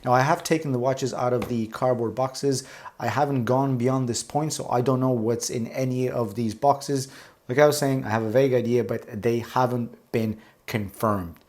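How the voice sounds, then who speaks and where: Casual vlog host, male, excitable and chatty, mid-range voice. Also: mid-range voice, moderate pace. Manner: enthusiastic, rambling, gushes over details. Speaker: watch reviewer, channel host.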